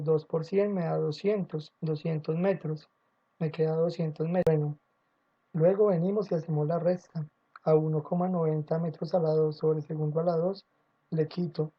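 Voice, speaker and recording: A man's voice: fairly high pitch, dull audio. A man teaching a physics lesson, working through equations step by step and speaking directly to his students in a patient, methodical way.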